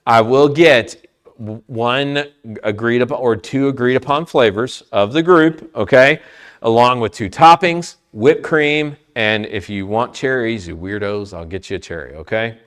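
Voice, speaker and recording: A man leading a trivia game for a church youth group, talking playfully and sometimes loud. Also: mid-range voice, measured pace. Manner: playful, lively, loud at times.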